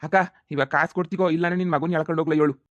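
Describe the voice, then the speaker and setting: A man voicing a pushy, foul-mouthed moneylender in a cartoon comedy, shouting and threatening. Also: on the high side, steady tone, racing, dry recording, muffled recording, lightly acted. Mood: demanding.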